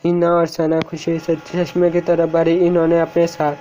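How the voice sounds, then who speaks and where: A man narrating a fairy tale in an even, scripted storytelling delivery. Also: a little high, moderate pace, slight background noise. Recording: dull lo-fi recording.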